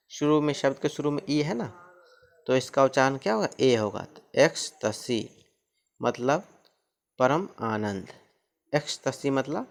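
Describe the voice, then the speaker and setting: धीमे बोलने वाले हिंदी लहजे के शिक्षक. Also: male voice, mid-range voice, creaky. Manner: repeats each point, asks and answers his own questions. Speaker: teacher. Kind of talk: classroom-style explanation.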